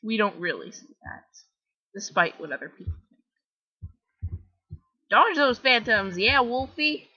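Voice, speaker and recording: Speaking slowly with long pauses, a Canadian teenage girl rambles about her game in a chatty, self-deprecating way. Her Canadian-accented voice is on the high side, slightly rough, with big pitch swings. It's a slightly dull lo-fi home recording of casual gameplay commentary.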